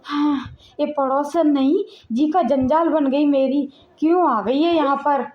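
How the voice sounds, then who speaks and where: A woman's voice: sits high, unhurried, dull audio. A woman voicing a put-upon wife who grumbles and complains. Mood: sulky complaining. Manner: whining, grumbling.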